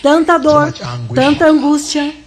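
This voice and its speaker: A woman's voice: high voice, level tone, measured pace. A woman with a Brazilian Portuguese accent interpreting a sermon, repeating and stressing each point and correcting herself mid-phrase. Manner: emphatic and repetitive, restating points.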